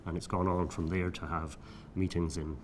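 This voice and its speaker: A middle-aged Scottish physician recalling his career in a measured, reflective way, with frequent filler sounds. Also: sits low, level tone, noisy background. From Scotland. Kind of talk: recorded oral-history monologue.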